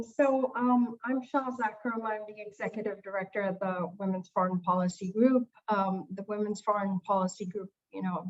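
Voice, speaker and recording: A woman's voice: mid-range voice, dull audio. A woman from Pakistan, an executive director speaking on a panel in an earnest manner, often restarting her phrases. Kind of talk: panel discussion.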